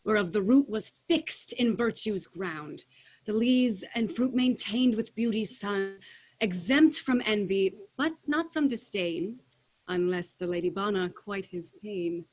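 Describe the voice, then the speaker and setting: A woman's voice: mid-range voice, a little slow, a little mellow, close to an everyday voice, low-quality recording. A woman playing an earnest English warrior earl in a staged reading of verse drama, with formal oratory. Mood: earnest pledging. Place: remote video call.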